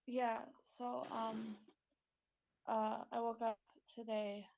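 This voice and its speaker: A woman's voice: fairly high pitch, level tone, gravelly, a little mellow, no room sound. Breathless young woman, phone held away. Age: 20s. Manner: halting, with many fillers. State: labored breathing, short of breath. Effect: phone held away from the mouth, faint and distant. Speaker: caller. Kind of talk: casual phone call. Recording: dull lo-fi phone line.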